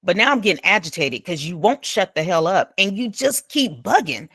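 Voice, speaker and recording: A woman casually retelling an awkward evening to someone, acting out quoted speech and talking in an informal, relaxed way. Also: moderate pace, husky, no echo, studio quality. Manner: animated, acts out quoted speech with big pitch jumps; informal speech with dropped verb endings. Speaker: storyteller recounting an incident.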